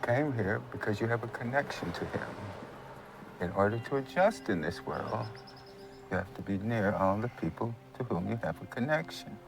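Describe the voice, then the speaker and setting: Low-voiced, solemn actor as a mysterious stranger, music behind. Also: male voice, expressive, vocal fry, rough recording. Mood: calm, insistent. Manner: measured, solemn, explanatory. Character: mysterious, calm male stranger from parallel world. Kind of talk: dramatic film acting.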